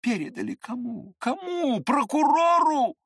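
A man's voice: very high-pitched, very animated, measured pace, vocal fry, fairly bright tone, no echo, studio quality, voice pushed up, full character voice. A reader voicing an agitated young man in an audiobook, hurling rising, accusing exclamations. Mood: indignant. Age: young adult.

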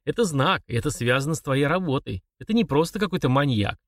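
Brief: man playing a distraught young son, shrill, choked and accusing, raised pitch, dry audiobook read. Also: lively intonation, quick pace, no room sound.

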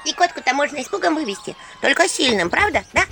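A woman voicing a small, fluffy female imp who frets and squeaks her anxious, chatty pleas. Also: sing-song, fast, bright, forceful tone, a little hiss or hum, full character voice. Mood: fretful, squeaky. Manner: squeaky, fretful, rising pleas. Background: background music.

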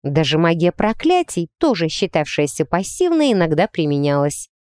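A woman narrating a first-person novel as an audiobook, lively and ironic in her storytelling. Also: lowish voice, normal speed, smooth, dry recording, studio quality.

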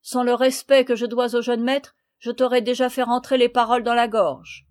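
Woman reading as a gruff loyal peasant. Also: a little high, level tone, normal speed, darkish tone, dry recording, clean studio sound, close to an everyday voice. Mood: blunt. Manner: blunt, threatening, mocking.

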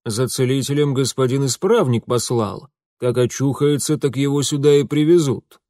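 A man's voice: mid-range voice, normal speed, dark tone, dry recording, clean studio sound, close to an everyday voice. A man voicing a shrewd, wry middle-aged detective father. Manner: wry, businesslike.

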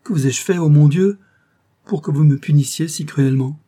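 A man's voice: medium pitch, normal speed, warm tone, close to an everyday voice. A man reading an audiobook, voicing a passionate, anxious young painter who speaks impassioned and anguished.

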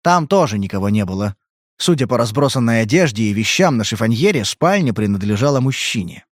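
Steady male audiobook narrator, mid-pitched, measured delivery, dry booth sound. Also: no room sound. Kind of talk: scripted narration.

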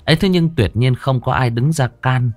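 A man narrating a comic folk-style story in a colloquial, crude and lively way. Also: medium pitch, normal speed, no room sound, soft background music. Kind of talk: casual spoken story narration.

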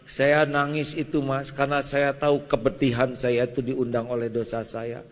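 A male preacher voicing a humble, repentant wife who speaks softly and contritely. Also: completely flat delivery, moderate pace, big-room sound, close to an everyday voice. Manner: soft, lowered, contrite.

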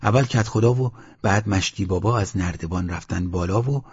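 A man narrates an audiobook in a steady, measured storytelling voice. His voice sits low and has a husky edge. The recording is dull and lo-fi. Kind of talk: scripted narration.

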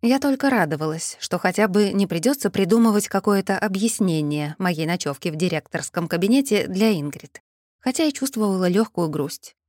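Женщина читает фэнтези-аудиокнигу. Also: female voice, medium pitch, no room sound, studio quality. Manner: measured, expressive reading. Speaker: audiobook narrator. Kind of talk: first-person audiobook narration.

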